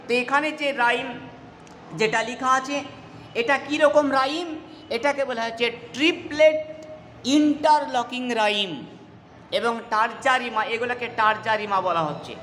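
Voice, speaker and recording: A woman's voice: on the high side, normal speed, fairly bright tone. A woman, teaching English literature and often checking that students follow. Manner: checks in with rhetorical questions. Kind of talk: explaining a poem in a lesson. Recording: long hall reverb, clear background noise.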